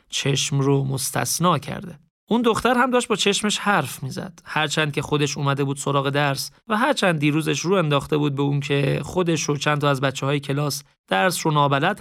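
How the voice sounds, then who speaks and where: A man reading a story aloud in a calm, reflective, casual spoken style. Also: fairly high pitch, vocal fry, no room sound, clean studio sound. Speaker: narrator. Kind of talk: audiobook story narration with reflective asides.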